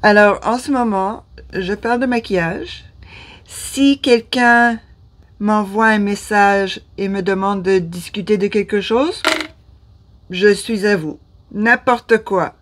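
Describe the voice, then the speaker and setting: A woman in her fifties, a vlogger from Ottawa with a Canadian French accent, chats to camera in a small indoor room. Her medium-pitched voice is slow, and there's slight background noise. She speaks hesitantly, often losing track of her words and restarting.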